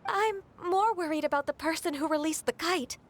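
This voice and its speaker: A woman's voice: extremely high pitch, moderate pace, a little hiss or hum. A woman voicing a polite, caring little girl in a video game, with a childlike voice and earnest, courteous manner. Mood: worried, polite.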